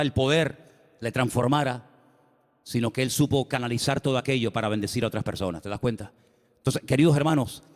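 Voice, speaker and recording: A man preaching a sermon as pastor, telling the story dramatically with folksy humorous asides. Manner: dramatic storytelling with shifting pitch and loudness. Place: church hall. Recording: long hall reverb.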